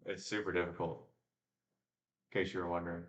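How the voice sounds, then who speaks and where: Low-voiced man streaming race commentary. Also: little pitch movement, a little fast, fairly bright tone, roomy sound. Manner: chatty, rambling asides between race calls. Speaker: racing watch-along streamer. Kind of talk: casual live race commentary. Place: at home in front of a webcam. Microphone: webcam and desk mic.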